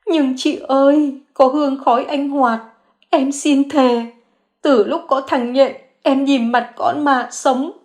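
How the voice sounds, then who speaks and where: A woman voicing a young mother caught in a lie, crying and begging forgiveness in a high, strained voice. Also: a little slow. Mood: tearful confession. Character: young mother caught lying, tearful, groveling.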